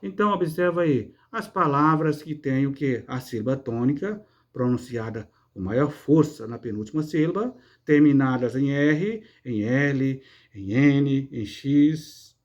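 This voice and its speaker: A man's voice: mid-range voice, animated, a little slow, hardly any pauses, lo-fi sound. A man teaching a lesson on word stress, explaining patiently, asking himself rhetorical questions and answering them, with frequent checking tags. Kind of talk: online class lesson.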